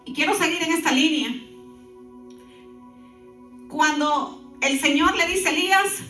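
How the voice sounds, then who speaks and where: A woman pastor giving an animated sermon, breaking in with lively asides to the congregation. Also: high-pitched, measured pace, roomy sound, distant mic, soft background music.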